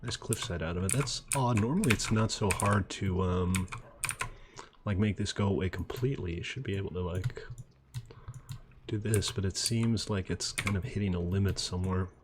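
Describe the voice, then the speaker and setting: A man's voice: low-pitched, normal speed, background noise. A man giving easygoing let's-play commentary and thinking aloud as he builds. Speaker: game commentator. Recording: mouse and keyboard clicks audible. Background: computer clicking and typing.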